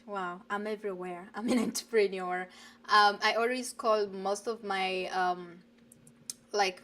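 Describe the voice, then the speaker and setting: A woman's voice: mid-range voice, fairly bright tone. A middle-aged woman from Uganda, talking earnestly as the guest of a live online interview, heard over a video call. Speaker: guest, digital business coach.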